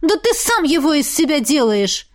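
A woman voicing a sharp-tongued young woman studying magic, exasperated and defiant, her voice pushed higher. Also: lively intonation, normal speed. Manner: exasperated, defiant, raised pitch. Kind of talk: audiobook character reading.

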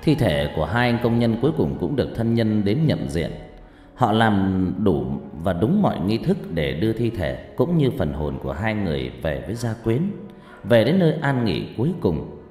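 A man with a low voice narrates a horror story dramatically, his pitch rising and falling widely. His voice rings with a long, echoing reverb. Faint music plays underneath. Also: moderate pace. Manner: dramatic, lively delivery.

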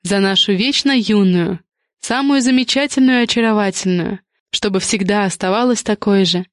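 A poised young woman who speaks gently and persuasively, as the woman reader voices her. The voice stays near the reader's own, with a mid pitch and a dry, close sound. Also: moderate pace, dry recording, close to an everyday voice. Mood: gentle. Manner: soft, smooth and persuasive.

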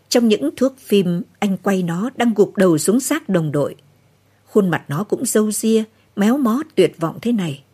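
Woman, late-night story reading, somber, husky voice, mellow tone. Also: medium pitch. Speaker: narrator.

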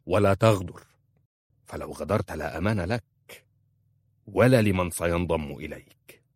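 Man as a stern desert chieftain, commanding, forceful, deep low voice, storybook, dry. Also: moderate pace, breathy edge, no room sound.

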